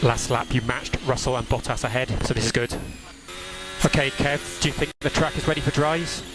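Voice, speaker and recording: Heard over music on a headset, a race engineer with a medium-pitched voice speaks fairly quickly. His instructions on the noisy team radio are clipped and procedural, key calls repeated, with loud engine and track noise in the background.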